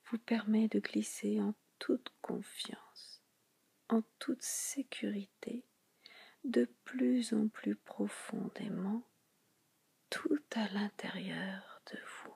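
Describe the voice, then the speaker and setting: Speaking at a medium pitch, a woman guides listeners through relaxation hypnosis in a whisper reminiscent of a spa. It's hushed and breathy, and she moves slowly, repeating herself and stopping often.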